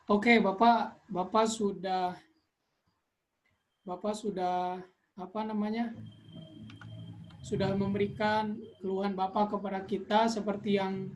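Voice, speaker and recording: A woman playing a telehealth nurse, speaking in a polite, explanatory customer service manner with halting repetitions. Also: mid-range voice, little pitch movement, dull audio, natural voice. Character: polite telehealth nurse taking a patient's call. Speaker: telenursing nurse in a practice role-play. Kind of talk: role-played customer service call. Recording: faint background noise.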